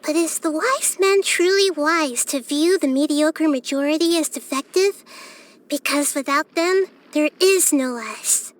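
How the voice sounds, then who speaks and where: A small, child-like goddess from a fantasy video game speaks in a high, girlish voice, gentle and thoughtful, wiser than she sounds. Her scripted lines are measured and earnest, full of steady curiosity about people and the world, and here she sounds pensive.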